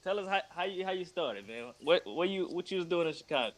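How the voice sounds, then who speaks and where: A man's voice: a little high, expressive, fast talker, a little hiss or hum. Slangy joking podcast host, man. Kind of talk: casual chat.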